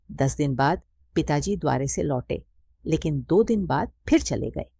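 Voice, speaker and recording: A woman narrating a first-person story in a steady, plain storytelling manner. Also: deep voice, creaky, husky, no room sound.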